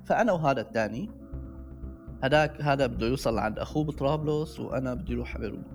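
A man's voice: mid-range voice, animated, very fast, faint music behind. A man from Syria with a Syrian Levantine Arabic accent, casually telling a personal story and re-enacting dialogue as he goes. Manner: conversational, re-enacts dialogue as he tells it.

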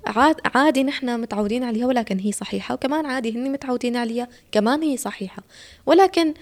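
Fast, gravelly woman host. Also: a little high. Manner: brisk, agreeing, restates the guest's points. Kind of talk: discussion show talk.

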